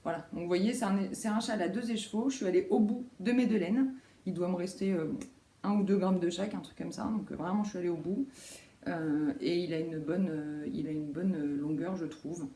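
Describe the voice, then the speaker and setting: Female knitting vlogger, relaxed and mellow, rambling show-and-tell delivery, roomy home recording. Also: fairly low pitch, fairly quick. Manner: rambling, many fillers and self-corrections. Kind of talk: casual show-and-tell chat. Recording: roomy echo, faint background noise.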